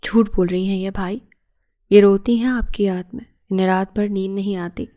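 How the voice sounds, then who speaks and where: An outspoken young woman defends her sister, voiced by a woman reading the novel. The tone is mellow and the pitch stays even. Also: lightly acted. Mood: earnest.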